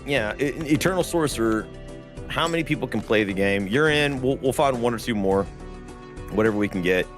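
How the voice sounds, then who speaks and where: A man's voice: medium pitch, lively intonation, brisk, soft background music. A man hosting a casual gaming stream, rambling and laughing as he chats. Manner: rambling, laughs often, drawling asides. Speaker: stream host.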